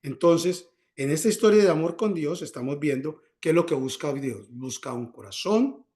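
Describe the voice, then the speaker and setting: A man's voice: lively intonation, normal speed, a little mellow. Man preaching with fill-in questions. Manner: call-and-response questions, repeats words when searching; acts out prayers and dialogue in a higher voice. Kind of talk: sermon.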